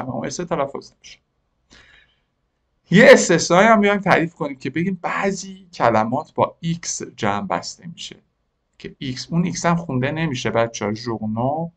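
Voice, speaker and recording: A man teaching a French lesson, who repeats French phrases slowly word by word and asks his learners questions as he explains. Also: mid-range voice. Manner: addresses learners directly with questions. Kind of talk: language lesson.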